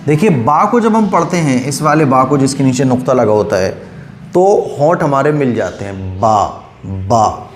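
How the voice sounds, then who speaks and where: A man teaching Quranic letter reading in a patient, repetitive way, drawing syllables out slowly when he demonstrates them. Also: mid-range voice, animated, reverberant, slight background noise. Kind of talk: online recitation lesson.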